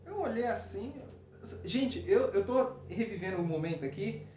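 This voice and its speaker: A man casually telling a personal story to the camera, animated, with many restarts and "né?" tags. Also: high-pitched, moderate pace. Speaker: co-host, husband. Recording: roomy, dull lo-fi sound with faint hiss.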